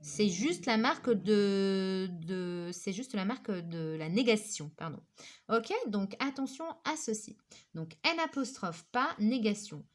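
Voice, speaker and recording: A woman's voice: medium pitch, expressive. A woman teaching a recorded grammar lesson, explaining patiently and checking in often with her listeners, with frequent fillers. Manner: patient, repeats "ok?" and "d'accord?"; slow, careful explanation with many fillers.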